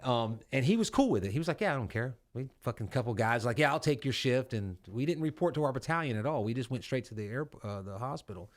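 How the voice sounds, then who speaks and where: A man's voice: medium pitch, animated, fast talker, hardly any pauses. A man in his forties, a veteran podcast host, telling rambling, profane Army stories in casual chat. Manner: profane, rambling anecdotes with acted-out quotes.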